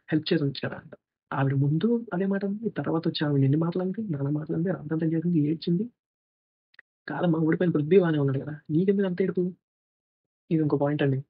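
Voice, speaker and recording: A man rattles off sarcastic, opinionated reality-show commentary at a rapid clip. His voice sits a little high and sounds husky, and the recording is dry and a bit muffled. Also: dry recording. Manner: opinionated, sarcastic, fast-talking. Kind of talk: casual video commentary.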